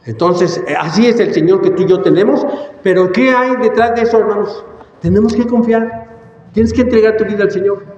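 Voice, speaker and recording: Male pastor, high-pitched, emphatic sermon, heavy echo, dull lo-fi sound. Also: fairly quick, a little mellow. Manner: emphatic preaching, repeats words, coughs and apologizes. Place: church hall. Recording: echoey church hall, dull sound.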